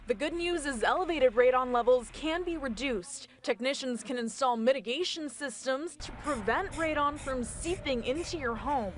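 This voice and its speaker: A woman's voice: high-pitched, moderate pace, few pauses, a little hiss or hum. A woman reporting for television news in scripted voice-over narration.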